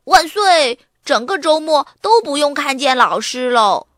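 A woman voicing an anxious young boy aardvark who gets excited and stammers when upset, in a children's storybook reading. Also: high voice, unhurried, no room sound, studio quality, pitched above the performer's own voice, heavily acted. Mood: gleeful.

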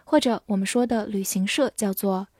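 A woman teaching English vocabulary in a patient, methodical way, spelling words letter by letter and reading sentences slowly. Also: medium pitch, fairly even intonation, a little mellow, dry recording, studio quality. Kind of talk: vocabulary lesson, spelling and slow read-alongs.

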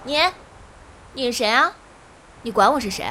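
Comic audio drama: petulant, provoking young woman, played by a woman, high and bright. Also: normal speed, a little hiss or hum.

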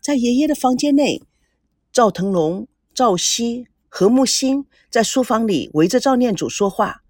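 A woman's voice: fairly high pitch, measured pace. A woman narrating an audiobook novel expressively. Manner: expressive, voicing each character.

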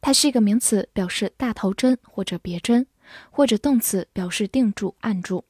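Woman, vocabulary teacher, mellow tone, unhurried scripted delivery that spells words out letter by letter. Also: medium pitch, no room sound, clean studio sound. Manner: spells words letter by letter and reads example sentences slowly.

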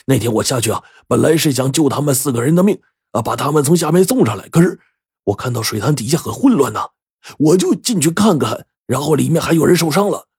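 A man's voice: mid-range voice, expressive, fast, darkish tone, husky, no echo, clean studio sound, pitched above the performer's own voice. A man voicing an anxious, simple-minded village man who stammers and pleads earnestly in an audiobook. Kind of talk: audiobook character voice.

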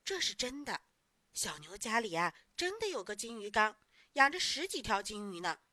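Animated woman telling a bedtime story. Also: mid-range voice, moderate pace, dry recording, clean studio sound. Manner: warm, animated, coaxing. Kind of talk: bedtime story narration for children.

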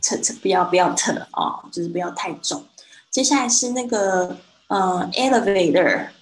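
A Mandarin-speaking woman teaching English pronunciation one-on-one, patiently correcting and modelling words slowly. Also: mid-range voice, slight background noise, poor audio.

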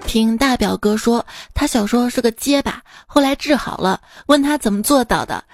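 Bright-voiced woman telling funny stories. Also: fairly high pitch, normal speed, music in the background. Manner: laughs at her own jokes. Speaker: podcast host. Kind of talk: reading funny anecdotes aloud.

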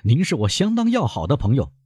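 A man's voice: mid-range voice, wildly swooping pitch, fairly quick, a little mellow, breathy edge, no echo, studio quality, voice pushed up. A man reading an audiobook, voicing a proud young viscount who firmly demands a correction. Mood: demanding. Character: indignant young male viscount, insistent. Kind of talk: audiobook character voice.

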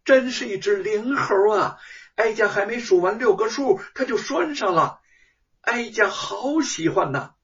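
A male storyteller voicing a haughty, vengeful imperial consort with a shrill, imperious voice. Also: animated, a little slow, fairly bright tone, recorded from a distance, highs cut off, heavily acted. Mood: delighted. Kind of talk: traditional storytelling.

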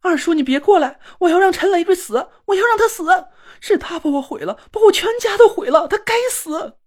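Guy doing a shrieky crying teen girl, way high, voice flying all over, storybook. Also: expressive, fairly quick. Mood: hysterical. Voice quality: shrill, screaming. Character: hysterical sobbing eighteen-year-old girl sorceress. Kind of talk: audiobook character voice.

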